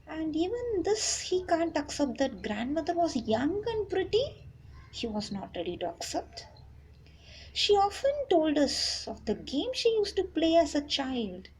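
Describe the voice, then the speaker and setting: A woman's voice: high-pitched, very animated, measured pace, a little mellow, low-quality recording. A woman from Chennai with a South Indian accent, teaching an English lesson in an instructive, explanatory way. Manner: instructive, checks in with short tag questions. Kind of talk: explanatory lesson, reading a text aloud and paraphrasing it. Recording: noticeable background noise.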